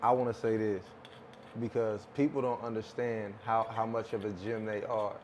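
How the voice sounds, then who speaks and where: A man co-hosting a podcast, talking casually and soft-spoken, often stumbling over and repeating words. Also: on the low side, fairly even intonation, normal speed, a little hiss or hum. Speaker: podcast co-host.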